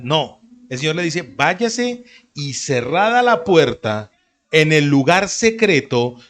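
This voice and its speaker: A man preaches a sermon. His delivery is animated and conversational, and he jumps into short acted-out quotes. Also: a little high. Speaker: pastor.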